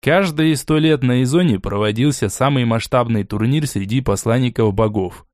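A man reading an audiobook as narrator in a steady, even storytelling manner. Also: mid-range voice, normal speed, no echo, studio quality. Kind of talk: scripted narration.

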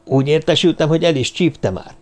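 A man's voice: fairly high pitch, animated, darkish tone, pitched above the performer's own voice, natural voice. A man voicing a dry, ironic detective. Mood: dry, brisk. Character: sharp, coolly ironic male detective. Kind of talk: audiobook character reading.

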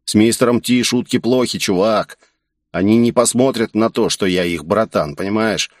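A man voicing an excitable young man who talks in slangy bursts and thinks he is a gangster. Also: on the low side, moderate pace, no room sound, studio quality, pitched above the performer's own voice, lightly acted. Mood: worried. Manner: excited, rambling street slang.

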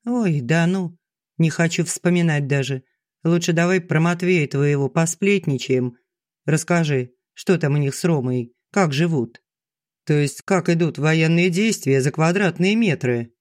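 A man reading an audiobook, voicing a grumbling, sharp-tongued middle-aged village woman who teases her friend. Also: on the high side, a little slow, no echo, clean studio sound, close to an everyday voice. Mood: sulky. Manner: gruff and teasing. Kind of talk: audiobook dialogue.

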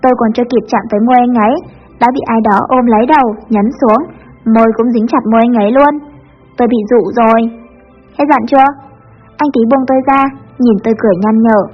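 A woman with a high voice reads a first-person story in a lively, chatty manner, moving quickly. The recording is a bit muffled, with soft music playing underneath. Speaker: audiobook narrator.

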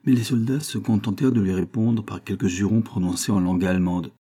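A man narrates a classic novel in a low, dark voice with a husky edge. He reads steadily and evenly, lifting his pitch and volume for the characters' lines. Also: fairly even intonation, fast talker. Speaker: audiobook narrator.

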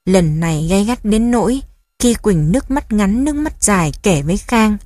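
A woman narrating a family drama audiobook in a calm, measured way. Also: medium pitch, no room sound, studio quality.

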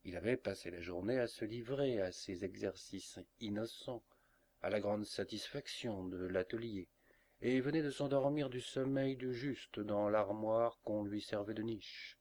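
Audiobook narrator: man, lower voice, steady expressive storytelling. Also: measured pace. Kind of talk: scripted narration.

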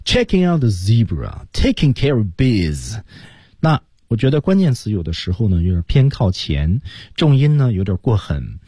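A male pronunciation teacher gives measured, explanatory feedback in a radio lesson. His voice is low, warm and slightly husky, with lively shifts in pitch. The sound is dry and close. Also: dry recording. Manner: measured, explanatory with many fillers.

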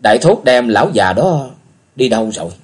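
A man voicing a proud, wounded young man who answers politely in a husky voice in a story reading. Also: mid-range voice, big pitch swings, brisk. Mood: restrained.

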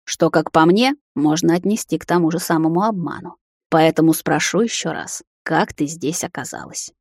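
Woman voicing a cold male vampire lord, low, slow and stern, dry storybook read. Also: a little mellow, no room sound. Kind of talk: audiobook character voice.

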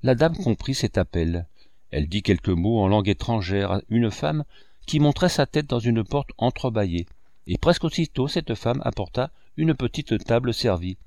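A man narrating a classic novel in a measured storytelling manner. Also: medium pitch, animated, a little mellow, no room sound, clean studio sound. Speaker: audiobook narrator.

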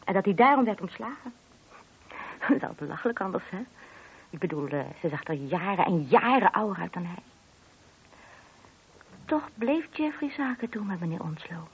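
Heard on a muffled, lo-fi old radio recording, an actress with a medium-pitched, breathy-edged voice speaks at a moderate pace with lively intonation and frequent pauses. In this Dutch radio play she is a married woman serving as a discreet but gossipy witness, hesitant, confiding and a little defensive.

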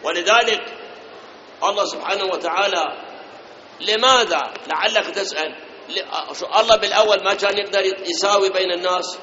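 A man with an Iraqi Arabic accent delivers a sermon in a high, bright, forceful voice, questioning his congregation and drawing out chanted verses. The sound rings with long hall reverb and is dull and lo-fi, with a faint hiss underneath. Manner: asks rhetorical questions and addresses listeners directly; chants scripture verses slowly. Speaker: preacher.

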